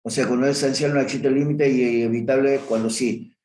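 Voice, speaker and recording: A man's voice: mid-range voice, fairly even intonation, fairly quick, warm tone. A man teaching a review class on limits, talking through a graph and stopping often to correct himself. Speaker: math teacher. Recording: roomy echo.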